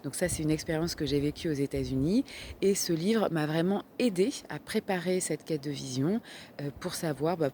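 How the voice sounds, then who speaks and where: Femme française à la voix grave et sombre, hésitante. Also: female voice, fairly low pitch, dark tone, a little hiss or hum. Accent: French. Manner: hesitant, many fillers and self-corrections. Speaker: holistic therapist. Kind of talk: casual recommendation vlog.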